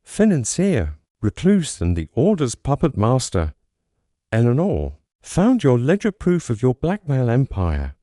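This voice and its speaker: A man's voice: mid-range voice, unhurried, dry recording, clean studio sound. A man doing a cool-headed Victorian detective. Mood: grim, steady. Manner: steady and clipped. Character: calm, sharp-witted male Victorian detective.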